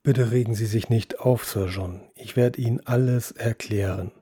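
A calm, patient neurosurgeon, voiced by the male narrator, reassuring and soft-spoken. His dark, husky tone sits close and dry, with no room around it. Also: lowish voice, normal speed, no echo. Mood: soothing. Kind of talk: audio drama acting.

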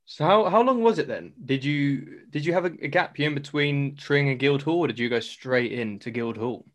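Young male host, mid-pitched voice, friendly and talkative, quick to laugh. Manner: friendly, chatty, laughs often. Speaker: podcast host. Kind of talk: casual interview.

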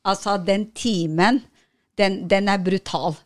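A woman in her fifties, a guest on a talk podcast, tells a story in a lively, laughing way with frequent fillers and restarts. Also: medium pitch, no room sound, clean studio sound. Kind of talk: casual storytelling conversation.

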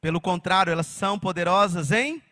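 High-voiced pastor preaching. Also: male voice, brisk. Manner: animated preaching with mocking quoted voices. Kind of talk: sermon.

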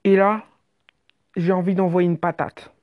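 A woman's voice: on the low side, unhurried, dull audio. Woman telling a wild comic story. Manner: animated, exaggerated, slangy with swearing.

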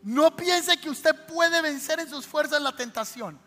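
A Colombian man preaches in a very high, bright voice, addressing his congregation directly and calling for amens. He breaks into sudden shouted exhortations. The sermon rings through a reverberant church hall with faint music underneath. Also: unhurried. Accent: Colombian Spanish. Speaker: pastor.

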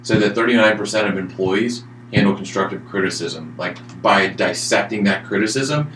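A man working as a recruiter, talking fast and fired up in a casual podcast chat, swearing often. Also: on the low side, fairly bright tone, reverberant, soft background music. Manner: talks fast.

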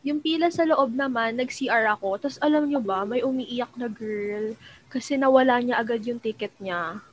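Filipina podcast host, high and chatty, laughs easily, faint ambience behind. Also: female voice, moderate pace, muffled recording, a little hiss or hum. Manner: chatty, laughs often, mixes English fillers. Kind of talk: casual chat.

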